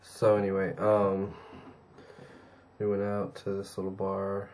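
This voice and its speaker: A young man talking to his own camera in a casual daily vlog, rambling with fillers, hoarse and tired from a cold. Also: completely flat delivery, slow pace, darkish tone. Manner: low-key, rambling with fillers. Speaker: vlogger.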